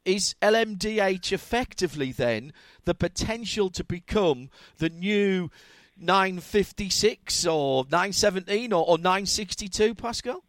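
A man's voice: high voice, expressive, unhurried, a bit bright, no room sound. A man hosting a motorsport interview, asking long questions in an enthusiastic, conversational way. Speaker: podcast host interviewer.

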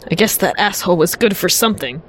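A woman's voice: on the low side, expressive, quick pace, slight background noise, pitched below the performer's own voice, natural voice. A woman voicing a defiant, indignant scientist hero in a group reading of a comic story.

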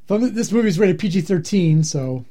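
A man co-hosts a podcast with dry, offhand remarks, a little hesitant at times. His voice sits high for a man and moves a lot, yet the tone stays mellow and dark rather than bright. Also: lively intonation, normal speed. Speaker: podcast co-host. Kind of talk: casual banter.

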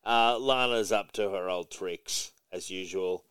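A man hosting a casual comics podcast, talking in an animated way with frequent fillers and some swearing. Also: low-pitched, a little slow, smooth, no room sound. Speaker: podcast host.

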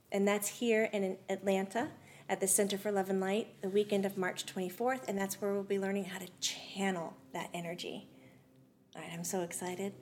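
An excitable woman hosting a live-streamed talk show, her voice in the middle of the female range. She talks in a bubbly, chatty way, running through welcomes and announcements. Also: mid-range voice, a little hiss or hum. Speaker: host. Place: studio room.

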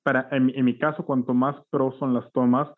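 A man talks casually about his mixing work, slangy and relaxed, often tagging his sentences with a question. His voice comes through a thin, narrow phone-like line at a middling pitch. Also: moderate pace. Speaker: mixing engineer. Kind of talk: casual recollection.

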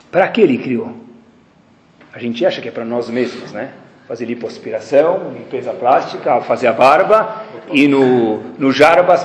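A man with a Brazilian Portuguese accent giving a lively religious lesson to a group, acting out quoted speech along the way. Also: on the high side. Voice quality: animated, acts out quoted speech with Hebrew terms. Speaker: Torah teacher. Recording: echoey hall.

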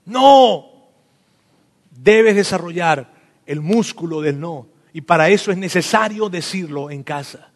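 A man preaching to parents, animated and often acting out talks with his children, repeating words for emphasis. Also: a little high, normal speed. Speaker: pastor. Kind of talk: sermon to parents. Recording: long echo of a hall.

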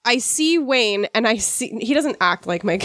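Sniffly with a cold, this chatty podcast host from rural Washington, USA, leads a casual discussion full of wry asides. She speaks a little high and a little slowly, expressive and fairly bright, in a studio-quality recording free of room sound.

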